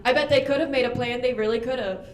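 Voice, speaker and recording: A young woman doing a stand-up comedy set on a club stage, delivering deadpan punchlines and quick acted-out voices into a handheld mic. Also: on the high side. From United States. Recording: roomy club with audience ambience.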